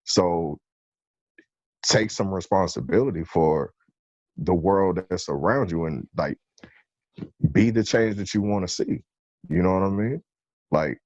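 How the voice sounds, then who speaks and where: A man's voice: low-pitched, darkish tone, dry recording. A man co-hosting a podcast, talking earnestly and reflectively in casual chat, often saying "you know". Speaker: podcast co-host.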